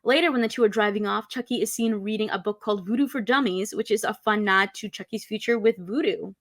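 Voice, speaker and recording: A woman's voice: medium pitch, quick pace, a little hiss or hum. A woman presenting a scripted pop-culture video as a narrator.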